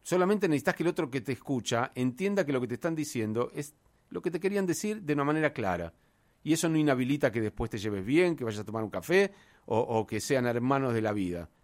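A man with a Rioplatense Argentine accent talks in relaxed, casual conversation. He tells anecdotes at an easy, chatty pace, slipping into quoted dialogue and dropping his voice low for asides. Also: fast. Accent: Rioplatense Spanish. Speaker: conversation partner. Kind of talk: casual chat.

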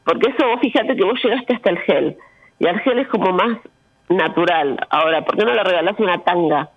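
A woman in her fifties with an Argentine Spanish accent speaks frankly and emphatically as a guest in a candid conversational interview, often posing rhetorical questions. Her voice is on the low side with a breathy edge and a slightly fast pace, and the audio is dull with no room sound.

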